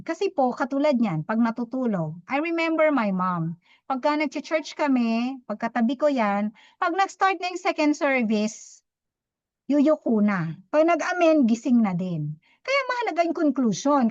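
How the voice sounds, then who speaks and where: A woman, teaching public speaking to a live audience, talking fast and quizzing her listeners. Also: sits high, no room sound, lo-fi sound. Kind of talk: interactive talk to a live audience.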